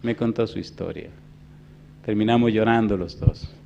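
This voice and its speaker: A man in his fifties preaching a sermon as pastor, telling a story in a hushed voice and then rising into loud, emphatic preaching. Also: on the low side, normal speed, gravelly, dull audio, a little hiss or hum. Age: 50s. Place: church.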